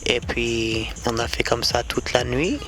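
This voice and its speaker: Man, gravelly and low-key storyteller, slow and halting, faint music underneath. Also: fairly bright tone. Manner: slow, halting delivery with many fillers. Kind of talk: storytelling anecdote.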